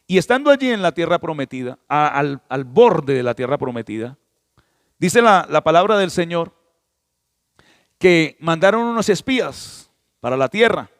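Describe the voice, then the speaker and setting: A man's voice: on the high side, big pitch swings, normal speed, clear, resonant tone, no room sound, studio quality, in a large hall. A man preaching a sermon as a pastor, with emphatic rises and exclamations. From Colombia.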